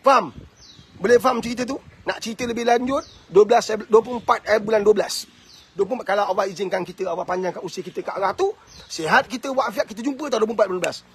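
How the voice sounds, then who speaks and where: A man with a Malaysian Malay accent hosting a live advice talk, answering viewer questions in an animated, preachy and teasing way. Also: sits high, very fast, a little hiss or hum. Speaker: host giving advice.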